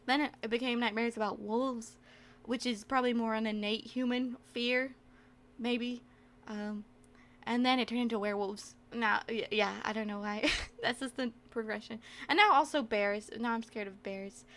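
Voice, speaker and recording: Giggly young woman, high cute anime-streamer voice. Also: steady tone, moderate pace, a bit bright. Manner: giggly, laughs often while talking. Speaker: streamer introducing herself on a debut stream. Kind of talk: casual livestream chat.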